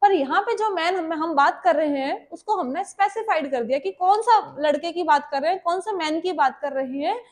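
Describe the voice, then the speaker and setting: A woman's voice: very high voice, moderate pace, few pauses. A woman with an Indian accent, a Hindi speaker, teaching a grammar lesson and explaining step by step while often checking that the class understands.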